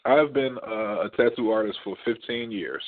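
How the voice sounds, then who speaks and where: A man in his thirties, raised in Atlanta, with a Midwestern accent, talking in a relaxed, easygoing way as a tattoo artist guest on a radio show. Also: lowish voice, moderate pace. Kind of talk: casual interview. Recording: tinny phone line.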